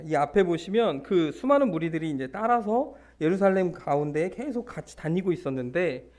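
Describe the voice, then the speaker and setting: A male pastor giving a Sunday sermon in a lively storytelling way, with humorous asides and acted-out quotes. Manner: acts out scenes and quotes with big pitch swings.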